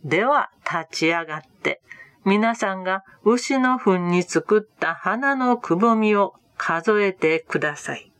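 A smooth-talking stranger, polite and persuasive, as a woman narrator reads him. The delivery is unhurried and lively in pitch, recorded close and dry. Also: no room sound.

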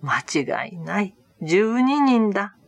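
A woman's voice: medium pitch, very animated, slow, creaky, no room sound, full character voice. A woman voicing a grave old teacher.

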